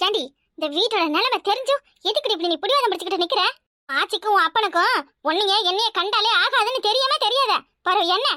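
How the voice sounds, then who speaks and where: A woman doing a shrill, scolding village mother. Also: lively intonation, sharp tone, no echo, studio quality, exaggerated voice. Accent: Kanyakumari Tamil. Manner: shrill scolding, threatening, rapid-fire. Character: harsh, worn-out village mother, scolding and bitter. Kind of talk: cartoon voice acting.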